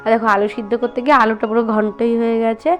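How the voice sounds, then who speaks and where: Young woman home vlogger, chatty and casual, slightly high voice, music bed behind. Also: flat delivery, rapid-fire. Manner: chatty, many fillers, addresses viewers as guys; speaks softly so as not to wake her baby. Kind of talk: casual home vlog narration. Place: home kitchen and bedroom, indoors.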